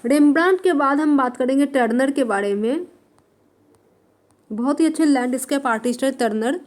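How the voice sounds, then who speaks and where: High-voiced woman teaching art. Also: a little mellow. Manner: writes on a board while dictating; repeats terms slowly for note-taking. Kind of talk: exam-prep lecture.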